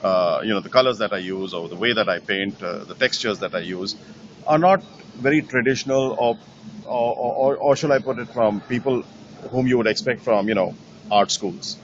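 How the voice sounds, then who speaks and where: A middle-aged painter from Nepal, answering interview questions in a thoughtful way, with many fillers and restarts. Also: male voice, lowish voice, moderate pace, dull audio, a little hiss or hum. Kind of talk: conversational interview.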